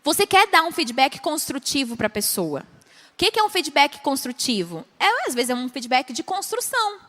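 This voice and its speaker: A Brazilian woman pastor teaching at a conference, animated, acting out short dialogues and asking the audience questions. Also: high-pitched, normal speed. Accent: Brazilian Portuguese. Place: large conference hall. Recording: long hall reverb.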